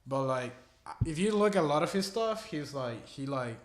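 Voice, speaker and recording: A man's voice: fairly high pitch, moderate pace. A man co-hosting a podcast, chatting loosely about films with plenty of filler words. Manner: relaxed, loose with many fillers. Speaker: podcast co-host. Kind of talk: casual film chat. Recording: echoey room.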